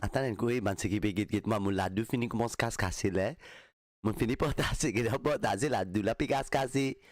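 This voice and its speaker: A man from Mauritius hosting a live radio music show, giving lively shout-outs to listeners and drifting between languages. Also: fairly low pitch, brisk.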